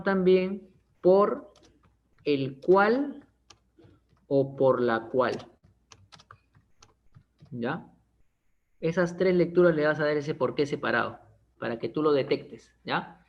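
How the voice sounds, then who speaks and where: A male teacher explains grammar in an online class, checking in often with quick tags and joking everyday examples. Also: on the high side, expressive. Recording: dull lo-fi online class audio.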